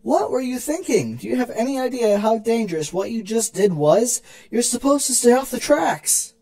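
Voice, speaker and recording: Performer as elder pony princess: proud, protective, indulgent explainer with a mellow, swooping delivery for a fan fiction drama. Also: medium pitch, lively intonation, normal speed, breathy edge. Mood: scolding.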